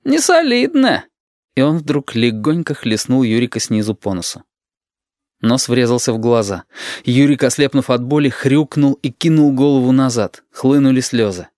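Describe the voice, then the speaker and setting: A man narrating an audiobook in an even, measured storytelling voice. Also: mid-range voice, no room sound, clean studio sound.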